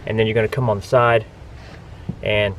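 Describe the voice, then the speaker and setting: In a fairly low, slightly bright voice with little pitch movement, an RV vlogger talks at normal speed as he casually walks viewers through his gear. The rough recording, made outdoors beside a pickup truck bed, clearly picks up wind and vehicle noise.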